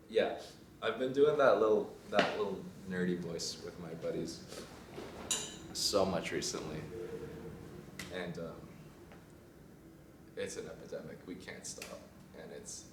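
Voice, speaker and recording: A young man, a fashion design student, chatting casually in a vlog, rambling and trailing off into quiet asides. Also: low-pitched, a little slow, pauses often, distant mic, heavy background noise. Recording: roomy sound from off mic, faint ambience.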